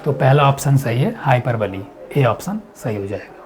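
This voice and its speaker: A man teaching an exam-prep lesson, explaining step by step and answering his own questions, reading quiz lines slowly. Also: medium pitch, lively intonation, background noise. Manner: reads English quiz lines slowly and deliberately.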